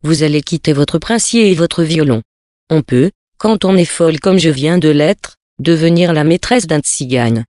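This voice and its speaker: A reader voicing a practical young woman who lays out her conditions calmly and matter-of-factly, in a storybook reading. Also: medium pitch, moderate pace, dry recording, studio quality, natural voice. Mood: businesslike. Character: practical young Parisian woman, cool and businesslike.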